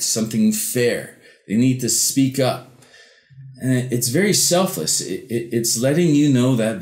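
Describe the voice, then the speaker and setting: Slow-paced man giving a mystical tarot reading. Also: mid-range voice, darkish tone. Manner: halting, repeats words and pauses while interpreting cards. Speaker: tarot card reader. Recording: roomy echo.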